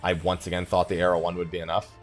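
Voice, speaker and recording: A low-pitched man delivers fast, monotone game commentary with faint music in the background. His let's play chatter is casual and meandering, with jokes, mock annoyance and self-mockery.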